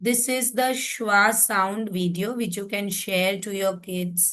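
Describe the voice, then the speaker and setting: A woman's voice: mid-range voice, steady tone, extremely slow, a bit bright. A woman, training teachers in phonics and patiently explaining, often checking that everyone follows. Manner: mixes Hindi and English. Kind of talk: online phonics training lesson.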